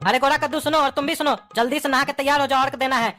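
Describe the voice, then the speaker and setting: A woman's voice: sits high, steady tone, racing, fairly bright tone. A woman playing a strict, threatening father in a comedy skit, with a bossy, scolding manner. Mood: stern. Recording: background music under voice.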